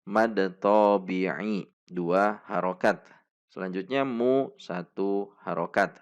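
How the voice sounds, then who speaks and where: A man teaching Quran recitation rules in a patient lesson, pausing to demonstrate each sound slowly and having listeners repeat it. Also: low-pitched, dull audio.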